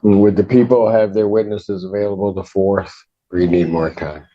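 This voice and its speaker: A man's voice: fairly low pitch, steady tone, moderate pace, dull audio. A man speaking formally as a judge in a courtroom, questioning and giving procedural rulings. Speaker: judge presiding over a court hearing.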